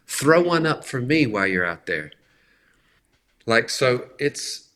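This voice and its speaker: Earnest man with a lowish voice. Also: a bit bright. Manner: earnest, emphatic, often slows for stress. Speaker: faith speaker. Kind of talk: conversational faith talk.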